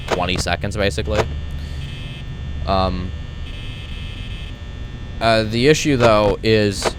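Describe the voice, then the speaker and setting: A young adult man giving casual, rambling commentary as he hosts a gaming video, telling stories in an exasperated way and acting out exchanges. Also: on the low side. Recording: clearly noisy, steady background hum.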